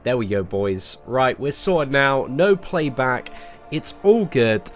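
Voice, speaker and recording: Playing a mobile game on a live stream, this young gaming streamer from England chats with viewers, using many fillers and calling them by name. He has a medium-pitched, very animated voice, talks slowly, and sounds slightly nasal from a cold, with soft music in the background.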